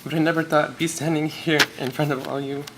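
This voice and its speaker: Reading nervously from notes, a teen boy gives a tearful acceptance speech for a student award in a slightly high, flat voice at a quick pace. Background noise from the live event fills the recording.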